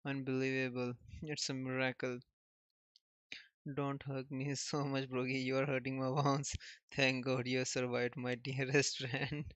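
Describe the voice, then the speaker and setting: A man reading the lines of a boisterous, proud old giant warrior in a comic, louder than his usual reading voice. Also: medium pitch, completely flat delivery, measured pace, no room sound, dull audio, natural voice. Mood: hearty.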